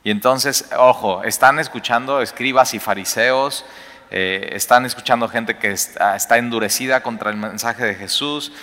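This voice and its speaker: A man, preaching a sermon in a conversational, animated way with rhetorical questions. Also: mid-range voice, normal speed. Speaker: pastor. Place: church hall. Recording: echoey hall.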